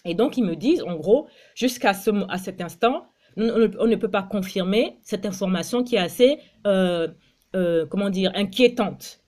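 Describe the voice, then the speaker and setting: Woman from Gabon with a Gabonese accent, insistent political commentator, mid-range pitch, stumbles and repeats. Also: normal speed, a little mellow. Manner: repeats and restarts words, insistent.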